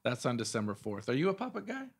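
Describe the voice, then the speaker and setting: A man's voice: medium pitch, huge pitch swings, fast talker, breathy edge. Chatty male podcast host. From Queens, New York. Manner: chatty, lists local events with many fillers and restarts. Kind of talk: casual chat.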